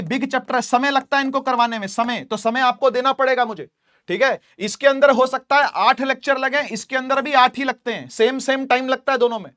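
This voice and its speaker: A man with a very high-pitched, fairly bright voice teaches physics online, recorded in clean studio sound with no echo. He is chatty and repetitive, calls students "beta," keeps saying "theek hai," and often checks that they are following.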